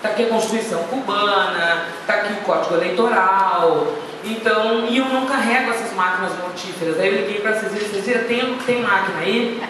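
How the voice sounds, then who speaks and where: This informal lecture comes from a guest speaker who tells stories and makes self-deprecating remarks to her audience. She talks fairly quickly at a medium pitch. Captured far from the microphone in an echoing hall, the audio is noisy.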